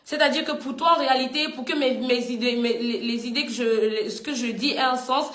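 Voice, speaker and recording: Woman, Cameroonian accent, indignant vlog rant, bright high voice, echoey room. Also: brisk. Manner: indignant, combative, repeats herself. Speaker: vlogger. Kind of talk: heated commentary rant.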